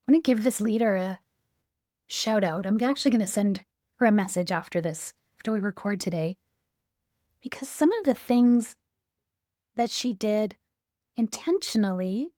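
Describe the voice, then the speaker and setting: A woman with a warm, mellow voice co-hosts a relaxed podcast conversation. She talks reflectively, recounting experiences from her coaching work. The recording is close and dry. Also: medium pitch, no room sound. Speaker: podcast co-host.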